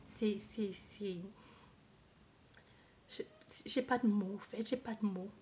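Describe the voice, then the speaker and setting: A woman speaking to camera in a personal, halting way, often repeating herself and searching for words. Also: mid-range voice, a little mellow, a little hiss or hum. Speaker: vlogger.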